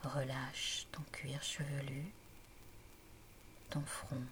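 Calm wise grandmother voiced by a woman, whispered role-play, low and slow. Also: slight background noise, heavily acted. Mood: soothing. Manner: slow soothing guided instructions. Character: serene wise grandmother guide.

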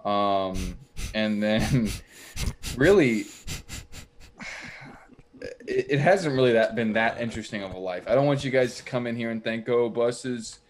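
A man's voice: medium pitch, lively intonation, measured pace, long pauses, slight background noise. A young man co-hosting a casual podcast, telling a rambling, mock-boastful story about himself. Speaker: podcast co-host.

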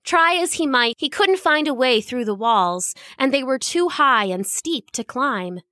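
A woman narrating a children's storybook in an expressive, lively reading. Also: high voice, unhurried, dry recording, studio quality.

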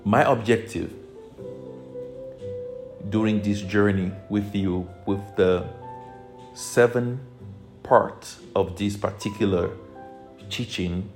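A man from Togo with a Togolese accent, teaching as a motivational spiritual life coach in deliberate phrases with emphatic stresses. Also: lowish voice, steady tone, darkish tone, faint music behind. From Togo, West Africa.

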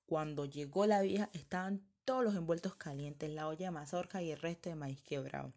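A young woman narrating a folktale in a lively, expressive storytelling manner. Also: low voice, fairly quick.

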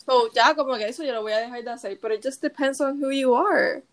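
A woman's voice: sits high, fairly quick. A young Puerto Rican woman co-hosting a podcast, chatting casually in Spanglish and often checking that she's being understood. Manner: Spanglish, switching between Spanish and English mid-sentence; often checks she is understood with short tag questions. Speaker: podcast co-host. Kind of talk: casual chat.

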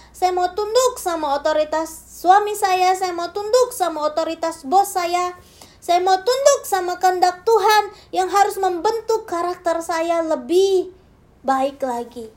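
With an extremely high pitch and a measured pace, a woman delivers a sermon that includes her personal testimony. She speaks directly to the congregation, moving from hushed softness to loud emphasis.

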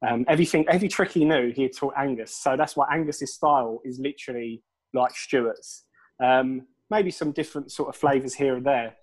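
A man's voice: mid-range voice, brisk, poor audio. Man, musician guest, casual rambling stories, frequent swearing. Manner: rambling, swears freely, laughs often. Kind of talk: casual storytelling interview.

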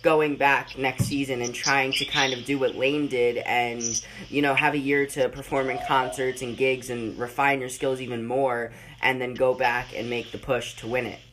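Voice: medium pitch, level tone, moderate pace, fairly bright tone, a little hiss or hum. An interviewer asking a long, rambling question with hedges. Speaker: interviewer, host.

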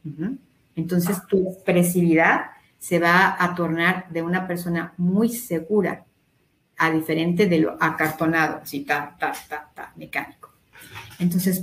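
A woman leading a voice workshop, calmly counting breaths and explaining exercises. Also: on the low side, unhurried, roomy sound. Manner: instructive, counting breaths aloud. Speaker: voice coach. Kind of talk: guided voice workshop.

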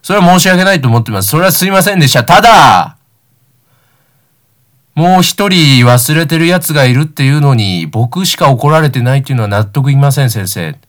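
A man doing a shrill, defiant schoolboy. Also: animated, fairly quick. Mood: indignant. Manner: indignant, shouting accusations. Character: defiant fourth-grade schoolboy protesting loudly.

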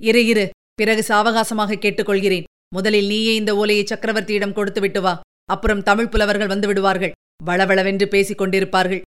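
A woman's voice: mid-range voice, level tone, a little fast, smooth, pitched below the performer's own voice, lightly acted. A woman voicing a proud, brusque middle-aged male fort commander who speaks in curt, commanding questions.

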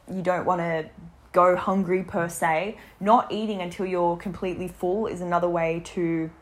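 Twenties woman vlogging about health, bit low pitched, lots of ums and restarts. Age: 20s. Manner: chatty, many fillers and restarts. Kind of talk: casual talk to camera about health.

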